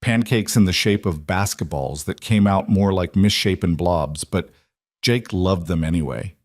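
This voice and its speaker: A man narrates a drama story in a measured, even way. His voice sits on the low side and the sound is dry and close. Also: no echo.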